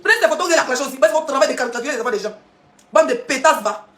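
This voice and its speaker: A woman rants on a live stream, mocking her critics and firing off rhetorical questions between laughs. Her voice sits high and she rattles the words off at great speed. The sound bounces around an echoey room. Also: rapid-fire. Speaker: social media live streamer. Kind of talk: heated live-stream rant.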